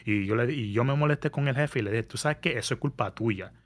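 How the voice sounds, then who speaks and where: A man, telling a story in casual podcast chat, animated and mixing in English words. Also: mid-range voice, fast. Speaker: podcast guest. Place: New York area.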